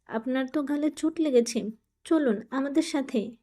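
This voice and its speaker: A woman's voice: sits high, moderate pace, warm tone, close to an everyday voice. A woman playing a lovestruck, cheeky girl. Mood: sweet. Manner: sweet, cheeky. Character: lovestruck young girl, bold and sweet.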